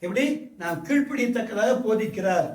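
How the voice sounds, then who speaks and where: A man preaching a sermon in a very high voice, repeating himself and asking his listeners questions as he goes. He is picked up from a distance, with the room ringing around him. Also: animated, fairly quick, darkish tone. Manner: asks the congregation questions and repeats phrases. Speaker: pastor. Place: church hall. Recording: echoey hall mic from a distance.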